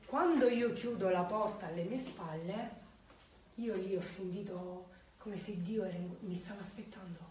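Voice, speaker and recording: A woman tells her faith testimony in an earnest voice of middle pitch and often acts out old conversations. She sounds a little far from the mic, in a roomy space with faint ambience behind her. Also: a little mellow, slight background noise. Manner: earnest, retells past dialogues. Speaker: believer giving a testimony.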